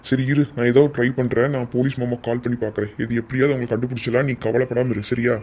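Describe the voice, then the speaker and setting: Cartoon dad, a man voicing him, anxious, pleading, talks fast, mid-pitched. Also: steady tone, a little mellow, husky, lightly acted. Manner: anxious, pleading, repeated questions. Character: worried father of a missing teenage girl. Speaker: cartoon voice actor.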